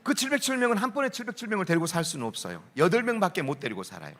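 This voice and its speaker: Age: 60s. Sex: man. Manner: lively, bright storyteller. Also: sits high, very fast. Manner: lively storyteller, acts out quoted voices, laughs often. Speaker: school principal giving a talk. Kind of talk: storytelling talk at a worship concert.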